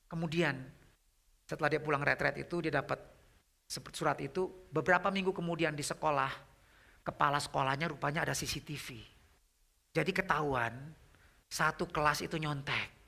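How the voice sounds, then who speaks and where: Middle-aged guy preaching to youth, gravelly edge, goes loud then drops to a hush. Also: a little high, moderate pace, pauses often. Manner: swings between loud rising questions and hushed, near-whispered lines; conversational, asks the audience questions. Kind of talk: sermon.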